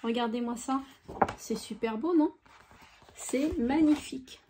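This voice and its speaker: Woman, high voice, chatty and gushing craft vlogger, faint background hiss. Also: a little slow. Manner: chatty and enthusiastic, many fillers. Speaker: craft YouTuber. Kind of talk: casual product show-and-tell.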